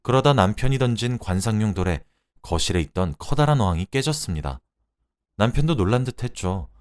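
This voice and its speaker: A man narrating a first-person story as a scripted reading, told in an expressive, conversational way. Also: on the low side, a little fast.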